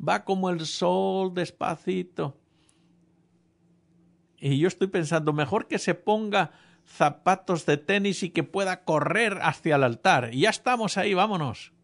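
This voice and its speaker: A little slow and marked by vocal fry, this high-pitched male voice belongs to a preacher who tells a humorous story from his own life while talking straight to his congregation.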